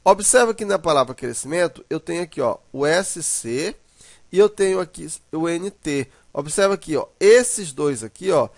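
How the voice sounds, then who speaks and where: A man's voice: on the high side, lively intonation, moderate pace, dry recording. A man teaching a grammar lesson, pointing to examples and often checking in with his students. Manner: repetitive, checks in with "né" and "ó".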